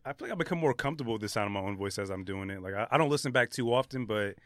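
A quick, joking man keeps a slangy podcast chat moving, his words coming fast. His voice is bright, and the sound is dry and close. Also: lowish voice, expressive, no room sound. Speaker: podcast host. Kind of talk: casual chat.

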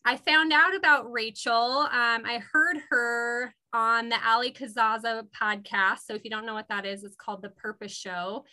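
A woman's voice: fairly high pitch, fairly even intonation, normal speed, hardly any pauses. A woman in her thirties hosting a podcast, enthusiastic as she interviews a guest. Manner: enthusiastic, warm questioning. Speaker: podcast host. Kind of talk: casual interview chat.

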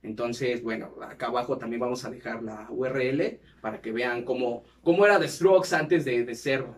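Speaking at a moderate pace into a distant mic, this mid-range male voice with a Mexican accent belongs to a podcast host. He chats casually and reads through a band's history, with plenty of slang and crude joking.

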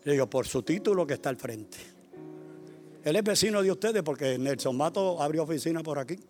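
An older man, a retired pastor preaching a sermon, repeating his phrases and swinging between quiet storytelling and loud exhortation. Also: fairly high pitch, animated, brisk, faint music behind. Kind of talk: sermon with personal stories.

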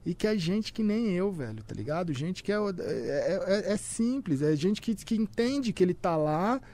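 Young sp guy on a podcast, high voice, tons of filler words, super loose chat. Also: expressive, moderate pace, warm tone. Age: young adult. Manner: slangy, loose, full of fillers. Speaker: content creator, podcast guest. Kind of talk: casual chat.

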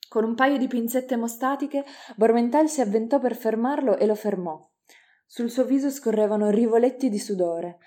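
A woman narrating an audiobook in a measured, dramatic reading. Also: on the high side, dark tone.

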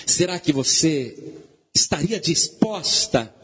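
A frantic dying king begging in a high husky voice, as a preacher acts him out, swooping up and down in a storytelling sermon. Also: lively intonation, slow, a bit bright, in a large hall, exaggerated voice. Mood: beseeching. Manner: high pleading, cries out. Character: dying king, desperate and pleading.

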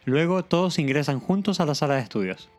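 A man's voice: on the high side, a little fast, soft background music. A man casually and playfully retelling a comedy episode and laughing along. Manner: animated, playful, laughs often. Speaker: episode recapper.

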